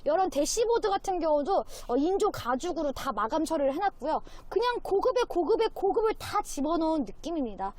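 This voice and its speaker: A woman car dealer giving a polished, gushing sales pitch in a walkaround presentation. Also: sing-song, a little fast, few pauses, darkish tone.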